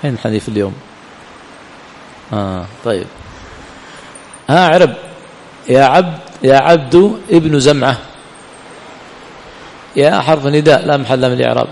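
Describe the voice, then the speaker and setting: A man's voice: medium pitch, lively intonation, a little fast, gravelly, pauses often. A man teaching a classroom lesson, quizzing his students and then answering his own questions. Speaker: teacher of hadith and grammar. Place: lecture hall of an Islamic study center. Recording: long hall reverb, faint room ambience.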